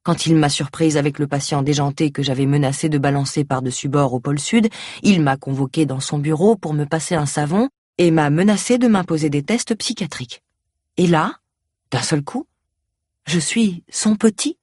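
A woman narrating a first-person audiobook in a wry, mocking, lively manner. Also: deep voice, normal speed, breathy edge, dry recording, studio quality.

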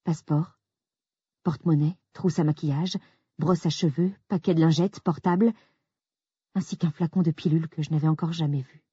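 A woman narrating a first-person audiobook with expressive storytelling. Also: low-pitched, moderate pace, slightly rough, no echo, dull audio.

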